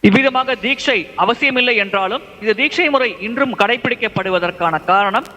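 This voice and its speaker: A man interprets a lecture phrase by phrase in a high, bright voice. His delivery is fluent and steady. Long reverb from a hall trails behind his words. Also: normal speed, highs cut off, a little hiss or hum. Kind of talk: consecutive translation of a lecture.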